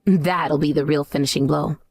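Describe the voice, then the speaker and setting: A woman's voice: low-pitched, steady tone, moderate pace, gravelly, a little mellow, no echo, studio quality. A woman playing a cool, scornful wife out for revenge in a dramatized story. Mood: taunting. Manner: taunting, cool. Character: scornful, vengeful pregnant ex-wife, coolly triumphant. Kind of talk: dramatized story dialogue and narration.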